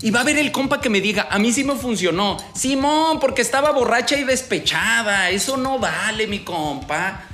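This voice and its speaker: Un hombre joven con acento mexicano cuenta una historia de ligue en tono casual y lleno de jerga, hablándole al oyente como a un compa. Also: male voice, very high voice, moderate pace, hardly any pauses, bright, forceful tone, slight background noise. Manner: slangy, streetwise, addresses listener as buddy. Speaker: dating advice host. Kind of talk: casual storytelling monologue.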